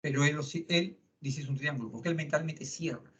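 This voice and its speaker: A man's voice: a little high, brisk. A middle-aged man giving a psychology lecture in a classroom, conversational and full of tag questions. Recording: lo-fi classroom recording.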